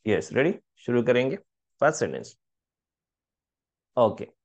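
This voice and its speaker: A man teaching a language lesson, asking learners questions and saying phrases slowly for them to repeat. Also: mid-range voice, big pitch swings, gravelly. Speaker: spoken Hindi teacher. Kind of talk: language lesson, drilling example sentences.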